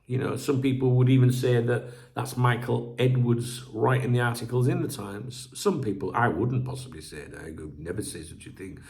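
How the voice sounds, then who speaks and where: At a moderate pace with few pauses, a man with a mid-range, slightly mellow voice chats about football on his channel. Rambling and casual, he swears now and then and keeps clearing a sore, somewhat croaky throat.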